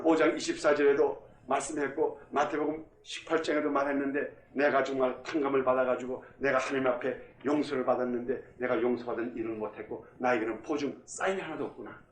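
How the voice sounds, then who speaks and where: A man pastor giving a Bible study lecture, emphatic, repeating key phrases and putting questions to the class. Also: on the high side. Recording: echoey room.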